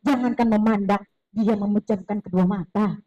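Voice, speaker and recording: A woman giving a religious parenting talk in a lively, chatty way, slipping in words and acting out other people's lines. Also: medium pitch, moderate pace, no room sound, muffled recording. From East Java. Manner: lively, chatty, mixes Javanese words, acts out voices of others. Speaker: parenting seminar speaker. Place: mosque hall.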